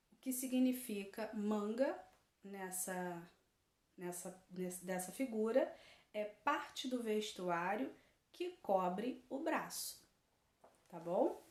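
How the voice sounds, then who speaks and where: A woman teacher, slowly correcting a worksheet in a recorded lesson and repeating each answer. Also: fairly high pitch, a little mellow, echoey room.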